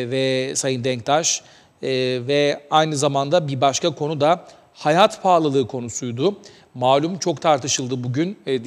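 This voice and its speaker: Give me a man hosting a TV talk show, measured and halting, in a reverberant studio. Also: medium pitch. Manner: measured, many hesitant filler sounds. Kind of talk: news commentary and interview.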